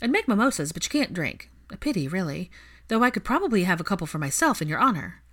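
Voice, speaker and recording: A woman voicing a brash, teasing young woman who is the heroine's bold friend, in a loud, bossy way. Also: medium pitch, sing-song, fast talker. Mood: breezy.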